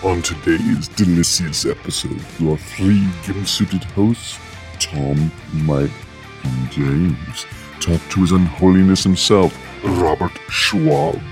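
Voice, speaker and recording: A man voicing a menacing, grandiose dark lord in a theatrical, macabre podcast intro. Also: low voice. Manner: ominous, grandiose, drawn-out delivery. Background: plucked guitar music.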